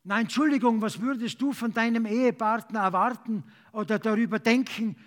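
A man preaching and praying as in a sermon, urging emphatically with repeated phrases and halting at times to search for words. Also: sits high. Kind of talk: sermon with altar call and prayer.

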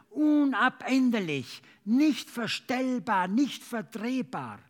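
A man preaching and praying as in a sermon, urging emphatically with repeated phrases and halting at times to search for words. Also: high-pitched. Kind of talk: sermon with altar call and prayer.

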